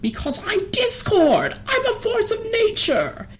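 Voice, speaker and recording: A woman voicing a mischievous male spirit of chaos in a dramatic comic reading, with gravelly, mock-sweet, hammy stage-actor delivery. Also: low-pitched, big pitch swings, unhurried, a little hiss or hum, exaggerated voice. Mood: anguished.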